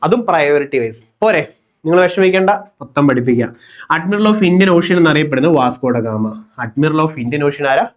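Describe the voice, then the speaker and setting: Lively man teaching a class. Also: on the high side. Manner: repeats key facts, quizzes and calls students by name; lively, coaxing, drills answers. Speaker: exam coaching teacher. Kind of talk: online class lecture.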